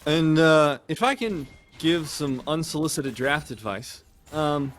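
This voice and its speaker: A man giving chatty, joking color commentary on a high school esports match. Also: measured pace, a bit bright. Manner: chatty, joking, laughs often.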